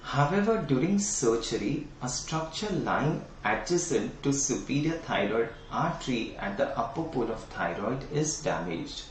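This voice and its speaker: A man's voice: mid-range voice, slight background noise. A middle-aged man with an Indian English accent teaching anatomy in an online lecture, quizzing students and repeating key terms. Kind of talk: online exam-prep lecture. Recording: echoey room, mic at a distance.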